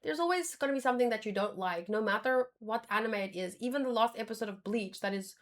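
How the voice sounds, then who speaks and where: This streamer reacts to manga with a fairly high voice and a quick pace. Her commentary is casual and informal, with sentences frequently reshaped mid-stream.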